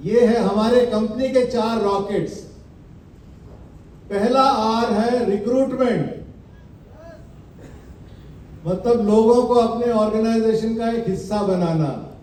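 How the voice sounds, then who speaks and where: A high-voiced man with a mellow tone leads a motivational business seminar. He speaks emphatically, quizzes the crowd and slowly repeats his slogans. He sounds set back from the mic in an echoey hall. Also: recorded from a distance, slight background noise. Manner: emphatic, quizzes the audience with rhetorical questions.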